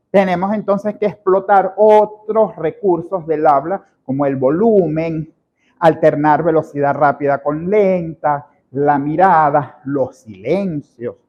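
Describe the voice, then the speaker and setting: A man lectures a public speaking class in an animated, expressive style. His voice sits high for a man, and he pushes the volume up and down to stress his points. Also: muffled recording. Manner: animated, imitates filler words, shifts volume for emphasis. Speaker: professor teaching public speaking.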